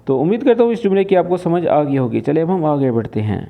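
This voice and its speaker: A man's voice: on the high side, very animated, gravelly. A man from Pakistan teaching, patiently explaining and translating spoken phrases. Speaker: Arabic teacher. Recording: phone-like lo-fi voice.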